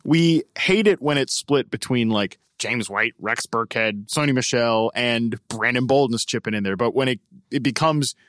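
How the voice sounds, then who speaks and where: A man's voice: mid-range voice, normal speed, a bit bright, dry recording, studio quality. A man co-hosting a sports podcast who talks in a casual, loose way and often restarts his phrases. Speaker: podcast co-host. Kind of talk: casual chat.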